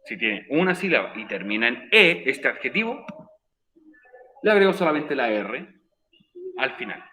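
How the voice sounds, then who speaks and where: A man's voice: medium pitch, sing-song, normal speed, sharp tone, a little hiss or hum. A man teaching an English class, patiently repeating the rules step by step. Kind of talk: recorded virtual class explanation.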